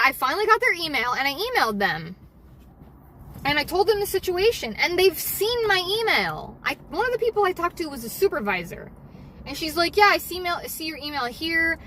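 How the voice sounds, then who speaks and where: A woman's voice: high-pitched, bright, forceful tone, slight background noise. A woman vlogging casually from her car while doing deliveries, venting angrily and swearing heavily about a bad hotel. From Southern California. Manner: angry venting, heavy swearing. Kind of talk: casual livestream chat while driving.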